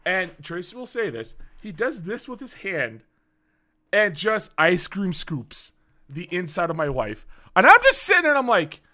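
A man hosting a casual podcast, telling stories with big swings of pitch. His voice is bright and sharp, and he swears freely. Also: moderate pace. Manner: animated, profane storyteller. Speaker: podcast host.

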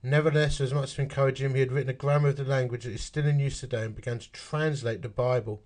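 A man reads a history article aloud in an Essex accent, talking fast in a steady, slightly mellow mid-range voice. He's chatty throughout, stopping for asides and working through dates and numbers out loud.

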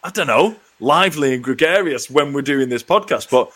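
A man's voice: medium pitch, lively intonation, moderate pace, a bit bright. A middle-aged man co-hosting a podcast in casual chat, sweary and self-deprecating. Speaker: podcast co-host.

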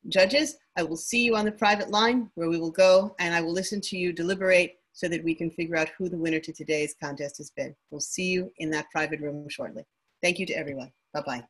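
A woman hosting an online pitch competition, speaking politely and formally as she thanks judges and sponsors and announces winners. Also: steady tone, brisk. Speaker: event host.

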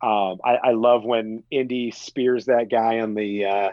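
A man's voice: medium pitch, fairly even intonation, a little slow, dry recording, dull audio. A man guest on a podcast, chatting casually about movies, laughing often and acting out quotes. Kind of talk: casual film chat.

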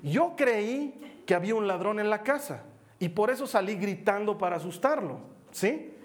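Guy with a high voice preaching, lively storyteller, acts out the quotes. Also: normal speed. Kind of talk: sermon with personal story.

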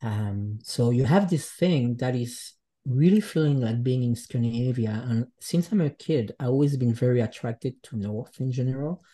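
Swiss man, dark mellow voice. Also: mid-range voice, normal speed. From Switzerland. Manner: reflective, searching for words, speaks English as a second language. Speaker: guest artist. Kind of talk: casual conversation.

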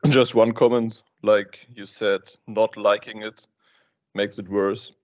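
Lower-voiced man heard over a dull, lo-fi call line, hesitant and halting, a class participant. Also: steady tone, darkish tone. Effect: voice over a breaking-up online call line. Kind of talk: casual question in a group call.

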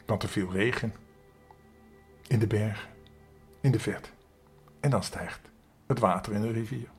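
A man's voice: fairly low pitch, unhurried, faint music behind. Older man telling children a story. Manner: gentle, expressive, addresses children directly.

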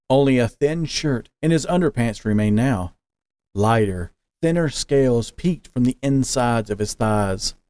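A male storyteller reading a scripted story at a very unhurried, deliberate pace. His voice is mid-pitched and steady. The recording is dry and close, with no room sound. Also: dry recording. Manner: slow, measured, deliberate. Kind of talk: scripted narration of an audio story.

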